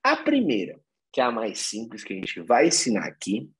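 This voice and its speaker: Man, husky voice, animated pitch, lesson co-host, talks to viewers. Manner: addresses viewers directly, spells things out slowly. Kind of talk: online lesson presentation.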